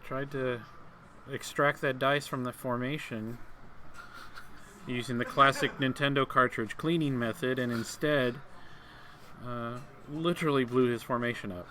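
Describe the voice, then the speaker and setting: A man's voice: mid-range voice, fairly even intonation, measured pace, bright, forceful tone, slight background noise. A man commentating live on a tabletop miniatures game, talking casually with fillers and restarts. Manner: conversational, hesitant with fillers and restarts. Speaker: tournament commentator.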